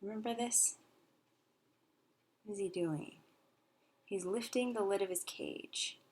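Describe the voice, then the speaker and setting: Slow and darkish in tone, this mid-range voice belongs to an elementary school teacher reading aloud to young pupils. She encourages and instructs, keeping things simple and asking questions often. The recording is noisy, with clicks.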